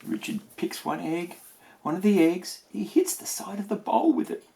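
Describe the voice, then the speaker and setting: Reading a children's storybook aloud, a man plays it up with chatty asides. His voice sits high and is very animated, gravelly and dark in tone, at a moderate pace, with slight background noise behind him.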